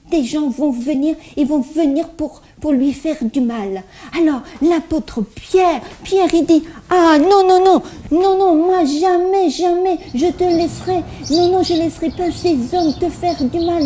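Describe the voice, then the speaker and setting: A woman's voice: extremely high pitch, warm tone. A woman voicing a cheerful, eager little child puppet who stutters heavily while telling a Bible story to children. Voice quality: heavy stutter, repeats words many times.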